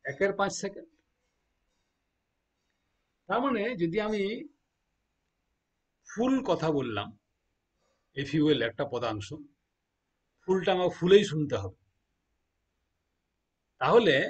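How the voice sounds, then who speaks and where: A man's voice: a little high, big pitch swings, slow pace, long pauses, breathy edge. A man teaching a lesson, spelling words out letter by letter and answering his own questions. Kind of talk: explaining a lesson to students.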